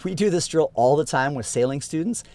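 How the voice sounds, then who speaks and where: A man's voice: on the high side, lively intonation, a little fast, dark tone. A man in his thirties, a sailing instructor, giving an upbeat and practical lesson on a sailboat outdoors. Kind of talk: casual instructional talk.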